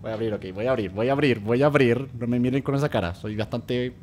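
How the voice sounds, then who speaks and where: A man's voice: medium pitch, fast, darkish tone, soft background music. A man giving casual let's-play commentary on a horror game, talking himself through each move and yelping when he gets scared. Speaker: gamer playing a horror game.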